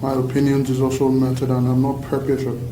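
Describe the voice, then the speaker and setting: A man's voice: medium pitch, monotone, fast talker. A young man from Nigeria with a Canadian-influenced accent, giving casual, reflective answers hesitantly and saying "like" often. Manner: hesitant, frequent "like". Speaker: youth panelist. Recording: echoey, distant mic, faint noise.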